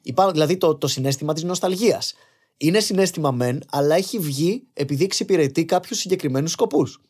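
A young man in casual podcast conversation, arguing his points with animated energy and slipping in English phrases. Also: on the high side, breathy edge. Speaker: podcast guest.

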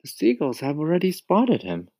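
A boy with a raised, bright-ish voice, calm and earnest as he patiently lays out his idea, as a man puts him on. He speaks steadily and with growing enthusiasm. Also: on the high side, moderate pace, no echo, voice pushed up. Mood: calm explaining. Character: calm, resourceful young boy.

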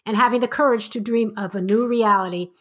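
A woman's voice: on the high side, fairly quick, fairly bright tone. A woman in a casual chat, cheerfully presenting a cocktail recipe.

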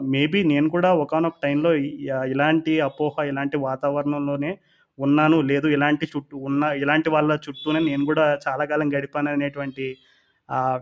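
Higher-voiced Telugu man mixing in English. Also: highs cut off. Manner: frequent English words mixed into Telugu sentences; hesitant, explanatory, long winding sentences. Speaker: cricket podcast co-host. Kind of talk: casual podcast talk in Telugu-English mix.

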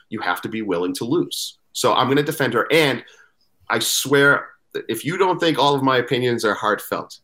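A man on a podcast panel, chatting casually and playfully arguing his opinion. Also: medium pitch. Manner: animated, argues his case playfully. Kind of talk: casual chat.

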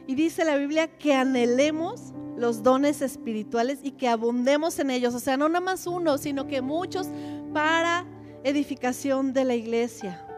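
A middle-aged woman teaching a church seminar, asking her audience questions and repeating words for emphasis. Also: high voice.

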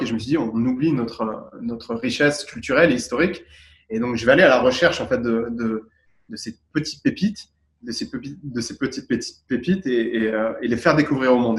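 Tunisian-born guy, mid-pitched voice, talks it through slowly, echoey room. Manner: thoughtful, searching for words. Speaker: guest artist. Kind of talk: interview answers. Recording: roomy echo.

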